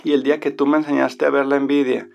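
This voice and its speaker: A man's voice: medium pitch, level tone, quick pace, vocal fry, darkish tone, muffled recording. A man talking casually and reflectively in a conversation, often restarting his sentences. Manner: reflective, many restarts and fillers.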